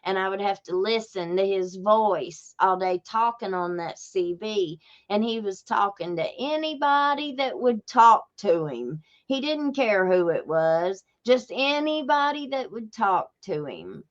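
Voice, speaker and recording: A podcast host with an Appalachian accent tells true-crime stories casually, in a folksy, emphatic style, often repeating herself for effect. Her medium-pitched voice is expressive and a little slow, with hardly any pauses. The recording has its highs cut off.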